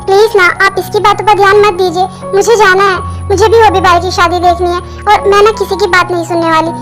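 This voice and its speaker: A woman's voice: extremely high pitch, level tone, fairly quick. A woman voicing a stubborn, sulky pregnant young wife who talks insistently, in a Hindi fan dub. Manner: insistent, petulant. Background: background music.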